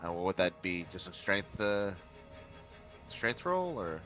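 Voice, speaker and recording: A man with a fairly low, crisp-edged voice talks as a tabletop game player. His delivery is casual and hesitant, with faint music underneath. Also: very animated, measured pace, a bit bright.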